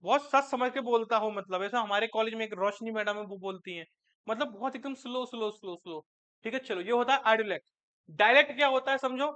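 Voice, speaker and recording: Male teacher, very high pitch, bright forceful tone, classroom lecture, quizzing students then answering himself. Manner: asks students questions and answers them himself; mixes English terms into Hindi.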